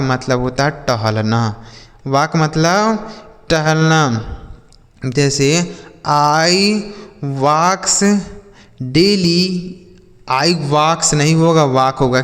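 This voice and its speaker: A man teaching English vocabulary from Hindi, spelling each word letter by letter and slowly repeating every example sentence. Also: fairly high pitch, in a large hall. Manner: asks the listener questions and answers them himself. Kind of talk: slow, drilled vocabulary lesson.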